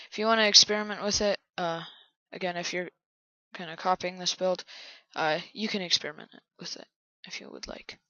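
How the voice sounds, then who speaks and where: A man quietly commenting on his own game build, often half-whispering to himself. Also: sits high, creaky, no echo, lo-fi sound. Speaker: channel host building in a video game.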